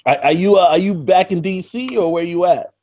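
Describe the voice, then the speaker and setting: A man hosting a casual live-stream interview over a video call, his audio choppy and lo-fi from a bad connection, talking in a halting way with many fillers. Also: high voice, darkish tone, no room sound. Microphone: video call from a backup laptop.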